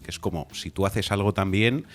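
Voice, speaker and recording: A man with a very low voice, arguing his points critically as a regular on a political talk show. He lays out his case steadily and with an edge. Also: moderate pace. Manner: critical, argumentative. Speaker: regular commentator.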